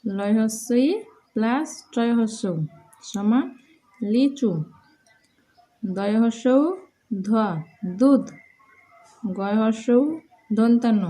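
Slow, mellow-voiced woman teaching children. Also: on the high side, poor audio. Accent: Bengali. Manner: slow, sing-song spelling out of letters and words. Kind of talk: children's spelling lesson.

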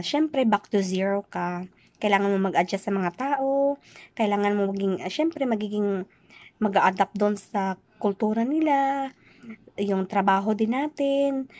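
A young woman from the Philippines, a nurse working abroad, chatting loudly and teasingly as she answers questions in a casual vlog. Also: medium pitch, dry recording. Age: young adult. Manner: loud, chatty, teasing, jokes then says she's kidding. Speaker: vlogger, overseas dental nurse.

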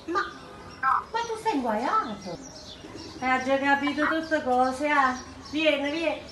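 A woman's voice: high voice, expressive, slow, a little hiss or hum, full character voice. A woman playing a nagging, suspicious wife who scolds her husband. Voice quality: scolding, shouting. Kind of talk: amateur comedy sketch acting. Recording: echoey room from far off.

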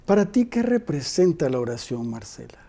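A man in his sixties, a pastor hosting a devotional TV show, talking calmly and reflectively in a studio on a lapel mic. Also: a little high, normal speed. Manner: calm, reflective, paraphrases the guest. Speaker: pastor and TV host. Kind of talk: devotional TV interview. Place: TV studio set, indoors.

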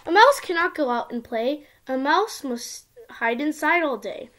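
Speaking a little slowly, a roughly ten-year-old girl reads a picture book to small children for her video channel. Her high, childlike voice is expressive and sing-song, like storytime, and she's in a small indoor room at home.

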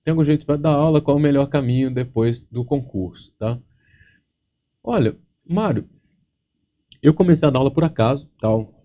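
A Brazilian Portuguese-accented exam-prep teacher hosts a casual live Q&A stream from a studio with a green screen. His voice is medium-pitched and dark, and he swears freely, tells jokey stories, and tacks a quick check word onto nearly every phrase.

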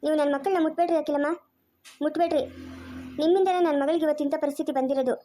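A woman's voice: high voice, steady tone, rapid-fire, dark tone, lightly acted. A woman with a Chikkaballapur Kannada accent playing a furious young mother who sharply accuses and scolds her in-laws in an amateur family drama. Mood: accusing.

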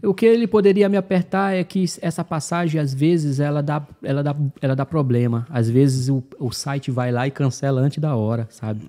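A man's voice: fairly high pitch, normal speed, hardly any pauses, dark tone. A man with a Brazilian accent telling a story casually on a podcast, animatedly acting out the dialogue with the officials. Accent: Brazilian Portuguese. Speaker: guest telling his migration story.

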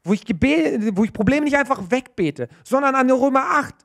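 A man in his thirties preaching a sermon in church, earnest and animated, often restarting mid-phrase. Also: extremely high pitch, normal speed, vocal fry.

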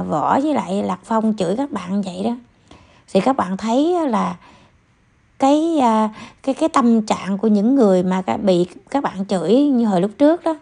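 A woman's voice: mid-range voice, creaky, darkish tone. A woman hosting an opinion vlog, scolding her viewers with a string of rhetorical questions. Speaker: vlog host. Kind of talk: opinion commentary monologue.

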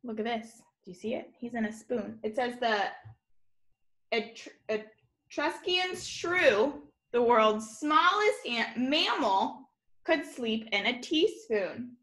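A young elementary school teacher reads a children's nonfiction picture book aloud at home, indoors, adding informal explanations and exclamations for young listeners. Her fairly high, slightly bright voice has a sing-song lilt, and she takes her time with an expressive reading.

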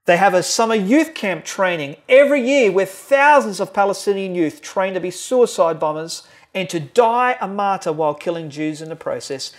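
Emphatic man preaching a seminar talk. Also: animated. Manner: emphatic, slowing and swelling on key words, then dropping low. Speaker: seminar speaker.

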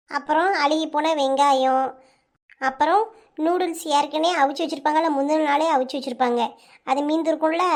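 A woman's voice: sits high, close to an everyday voice. A woman voicing a teasing know-it-all grandmother with a southern Tamil Nadu accent, rattling off details with relish.

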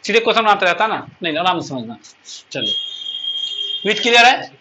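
A male English teacher runs a classroom lesson. His voice sits high and sounds bright. He keeps asking his students questions as he explains each point. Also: sing-song, a little fast, lo-fi sound, slight background noise.

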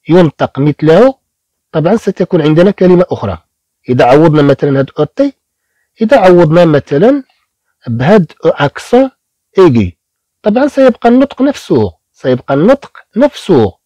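A man teaching beginner French in Arabic, repeating each French word slowly, syllable by syllable. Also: a little high, warm tone, no room sound.

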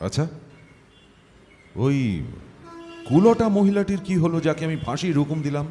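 A man's voice: a little high, normal speed, warm tone, soft background music, natural voice. A male actor playing a pompous, moralizing middle-aged judge who declaims his verdicts, in a live stage audio play. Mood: scornful, curious. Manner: declaiming, self-righteous. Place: auditorium stage. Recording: live hall with long reverb.

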